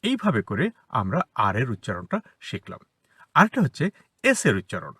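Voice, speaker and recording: A man with a Bengali accent teaches spoken English to children, his pitch moving in a lively way as he explains step by step. His voice is bright with a slight huskiness. The sound is dry and close, recorded inside a parked car. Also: slightly rough, dry recording. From Bangladesh. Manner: explanatory, repeats example words slowly. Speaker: English teacher, academy founder.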